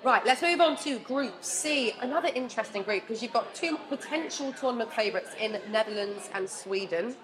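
A woman's voice: on the high side, expressive, brisk, few pauses, crowd noise. A woman hosting a sports podcast in casual chat, leading the talk with light laughter. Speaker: podcast host.

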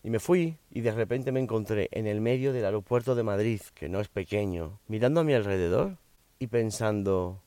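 A man's voice: on the low side, moderate pace, dark tone, no room sound. A middle-aged man from Spain, raised in Miami with English as his first language, telling his personal story as a podcast host in a frank, conversational way with emphatic repetitions. His Spanish has a slightly foreign, American-tinged accent. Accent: slightly off Spanish, American-influenced.

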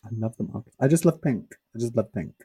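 A man's voice: mid-range voice, animated, quick pace, dark tone, slightly rough, no echo. A young man, co-hosting a podcast in sassy, opinionated chat. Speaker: podcast co-host. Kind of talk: casual chat.

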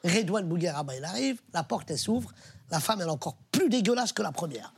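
Husky-voiced man telling jokes. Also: quick pace. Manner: animated storyteller, big pitch jumps on punchlines. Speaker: guest comedian. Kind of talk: joke telling and casual chat.

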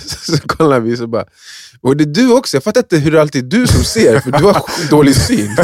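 A young man co-hosting a podcast, telling a story in a rambling, animated way with bursts of laughter. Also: on the high side, dry recording, clean studio sound. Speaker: podcast co-host. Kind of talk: casual storytelling chat.

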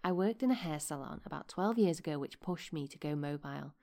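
A woman's voice: deep voice, animated, fairly quick, a little mellow. A woman hosting her podcast, chatting casually with whispered asides while her voice keeps cracking. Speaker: podcast host.

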